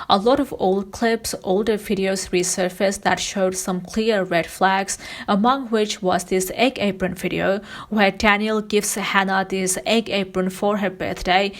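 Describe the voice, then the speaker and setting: A woman's voice: mid-range voice, steady tone, moderate pace, few pauses. A woman narrates a scripted video essay in a mid-range voice. Her delivery is critical and pointed, picking apart what she describes. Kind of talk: scripted commentary.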